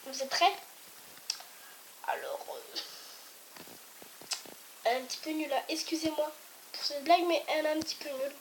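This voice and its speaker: A woman's voice: high-pitched, steady tone, moderate pace, long pauses, a little hiss or hum. A woman telling jokes casually to her viewers, hesitant and rambling, stopping to restart and apologize. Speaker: joke teller. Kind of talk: casual joke telling to camera.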